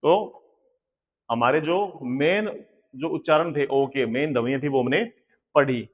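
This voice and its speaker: A man's voice: mid-range voice, measured pace. A man with an Indian accent teaching English pronunciation in a patient manner, spelling out words letter by letter and repeating them. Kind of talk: slow board lesson. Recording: long hall reverb.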